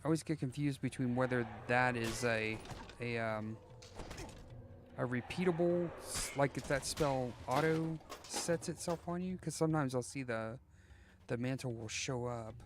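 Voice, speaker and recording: A man running a casual live game stream, thinking out loud in a rambling, joking way and tripping over his own sentences. His voice sits at a middling pitch for a man, with a faint hum of background noise behind him. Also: steady tone, unhurried. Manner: rambling, joking, thinking aloud with many restarts.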